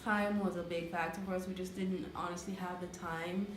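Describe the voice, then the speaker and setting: A woman's voice: on the low side, level tone, fairly quick, echoey room, slight background noise. A woman from the Caribbean, co-hosting a casual couple's vlog, talking earnestly with many fillers and restarts. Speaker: vlogger, co-host of a couple's channel. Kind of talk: casual chat.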